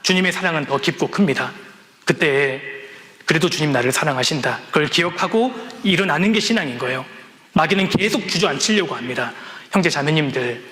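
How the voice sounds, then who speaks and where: A male pastor preaches with earnest conviction, his voice sitting fairly high and climbing sharply at each exhortation. A long reverb trails behind his words in the sanctuary. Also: expressive, brisk, bright, forceful tone. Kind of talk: sermon. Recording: long reverb in a large hall.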